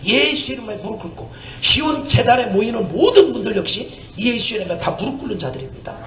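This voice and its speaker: Male missionary preacher, high and very lively delivery, echoey church room. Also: a little fast, a crowd in the background. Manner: animated storytelling with laughter and shouts. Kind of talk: sermon. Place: church sanctuary.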